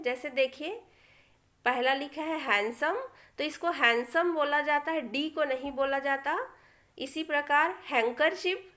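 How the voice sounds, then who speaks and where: A woman teacher with an Indian accent explains pronunciation rules to her students. Her voice sits high and her pace is slow and deliberate, and she spells out each rule with patient care. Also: sharp tone. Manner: slow, explanatory, addresses students as children, reads rules aloud very slowly. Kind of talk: English pronunciation lesson explained in Hindi.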